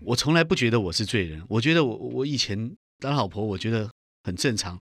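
A man's voice: on the low side, expressive, a little fast, a bit bright, dry recording, studio quality. A middle-aged man earnestly telling his personal testimony in an interview. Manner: earnest storytelling, acts out quoted voices. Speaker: guest giving testimony.

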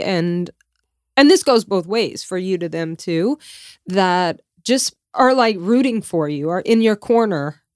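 A woman's voice: medium pitch, smooth, dry recording, clean studio sound. A young adult woman from Louisiana, chatting casually with her partner as a co-host, with many fillers and frequent laughter. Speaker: co-host of a family channel. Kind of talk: casual chat.

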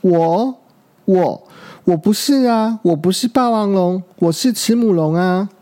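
Man doing a small boy dinosaur, high and pleading, with a gravelly edge; storybook. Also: expressive, unhurried, dark tone, full character voice. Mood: alarmed. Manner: pleading, insistent. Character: frightened little boy dinosaur, earnest, stubborn.

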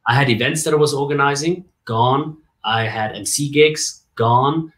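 Forties male guest raised in Germany, coach and MC type; lively storytelling delivery, mid-range pitch. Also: a little slow. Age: 40s. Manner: lively storyteller, jokes and rhetorical asides. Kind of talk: casual interview on a video call.

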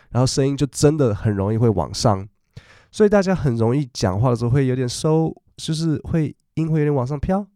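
A man's voice: medium pitch, warm tone, dry recording, clean studio sound. A man, hosting a casual, chatty podcast about work English. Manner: chatty, storytelling, acts out quoted voices. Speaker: podcast host teaching English. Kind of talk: casual chat.

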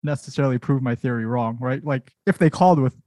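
A man's voice: mid-range voice, fast, mellow, dry recording. A man co-hosting a podcast, chatting casually and a little defensively, with hesitant phrasing, on a close mic. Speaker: podcast co-host. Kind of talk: casual chat.

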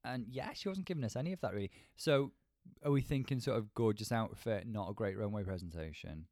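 A man co-hosting a conversational review, articulate and measured in his wording. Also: fairly low pitch, animated, darkish tone, dry recording, clean studio sound. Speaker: podcast co-host reviewing a TV show. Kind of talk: conversational critique.

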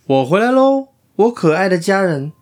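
A man's voice: high voice, very animated, moderate pace, pitched above the performer's own voice. A man voicing a polite, flustered, nearsighted father mole who keeps exclaiming and apologizing. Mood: cheerful.

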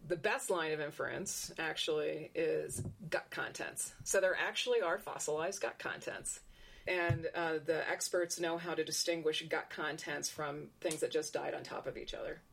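A woman's voice: low voice, steady tone, normal speed, creaky, slight background noise. A woman researcher explaining her work in conversation, thinking aloud with frequent restarts and asides.

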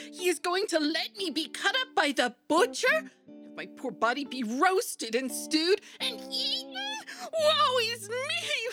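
Woman doing a shrill, fretful old monkey. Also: sharp tone, exaggerated voice. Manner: fretful and pleading, theatrical laments. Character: old, frightened male pet monkey.

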